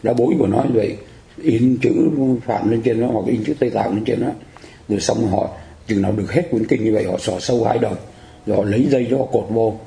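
A man's voice: on the low side, fairly even intonation, quick pace, gravelly, dark tone, reverberant, slight background noise. A man teaching a Buddhist lecture, explaining terms patiently and often asking the audience whether they follow. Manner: explanatory, repeats phrases, asks the audience for agreement. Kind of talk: dharma lecture.

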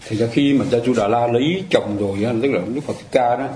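Mellow-voiced teacher. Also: male voice, mid-range voice, fast talker. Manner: conversational, asks listeners rhetorical questions. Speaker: Buddhist dharma teacher. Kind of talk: explanatory dharma lecture. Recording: roomy echo, faint ambient noise.

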